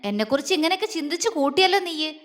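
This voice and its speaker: A woman's voice: high voice, expressive, rapid-fire, fairly bright tone, big-room sound. A woman voicing an affectionate middle-aged mother-in-law who scolds in jest. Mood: mock-stern. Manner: affectionate, mock-stern.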